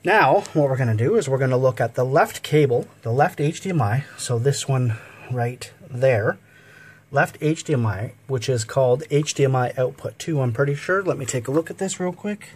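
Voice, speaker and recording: Guy out of breath walking thru a cable setup, husky voice, mid pitch, chatty. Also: animated, moderate pace, a little mellow. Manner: informal, chatty with fillers. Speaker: tech tutorial host. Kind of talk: casual step-by-step tutorial.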